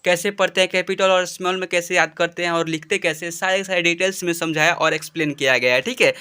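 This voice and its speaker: A man teaching a spoken lesson, slowly drawing out spelling drills and repeating his explanations. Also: high-pitched, fairly even intonation, bright, forceful tone, smooth. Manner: slow drawn-out spelling drills, repetitive explanations.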